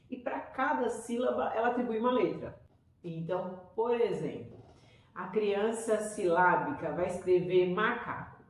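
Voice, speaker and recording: A woman teacher with a Brazilian Portuguese accent, explaining children's reading stages to parents in an enthusiastic, chatty way. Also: on the low side. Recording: echoey room, voice from far off.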